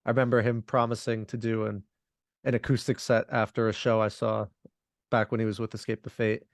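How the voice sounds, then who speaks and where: A man co-hosting a podcast, chatting in a relaxed, rambling way and laughing often. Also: on the low side, fairly quick, dry recording, studio quality. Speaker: podcast co-host. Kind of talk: casual chat.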